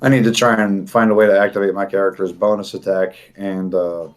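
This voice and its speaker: A man's voice: low-pitched, flat delivery, fairly quick. Man, tabletop player, casual chat, rambling, filler-heavy. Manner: rambling, lots of fillers and restarts.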